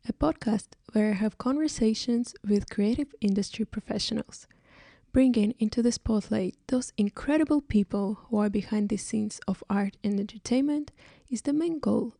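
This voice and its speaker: Woman podcast host, higher voice, gravelly fry, mellow tone, dry close sound. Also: no echo. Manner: polite, scripted intro. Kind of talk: podcast interview.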